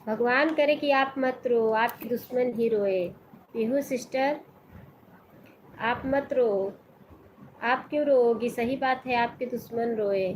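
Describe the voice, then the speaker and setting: A woman's voice: fairly high pitch, darkish tone, slight background noise, low-quality recording. A woman hosting a live stream in casual chat, greeting her viewers by name and reading their comments aloud. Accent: Hindi with Awadhi region background.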